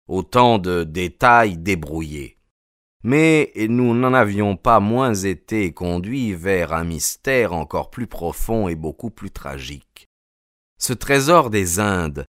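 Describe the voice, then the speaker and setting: A man narrating a story in the first person at a measured pace. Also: lowish voice, fairly bright tone, no echo, clean studio sound. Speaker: audiobook reader.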